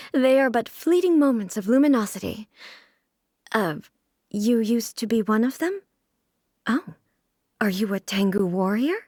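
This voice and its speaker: Game role: imperious immortal female shogun, formal and stately, fairly high voice, dry close recording. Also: animated, a little mellow, no echo. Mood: curious. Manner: formal, stately, measured, archaic diction. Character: regal, aloof immortal female shogun commanding thunder. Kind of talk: scripted video game character voice lines.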